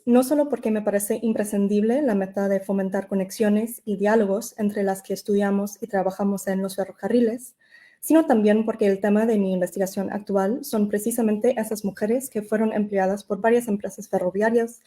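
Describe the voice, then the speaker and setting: An invited speaker, a woman whose native language isn't Spanish, reads out a prepared academic lecture in a measured, careful way, now and then correcting herself. Her voice sits in the mid range, with fairly even intonation and a mellow quality.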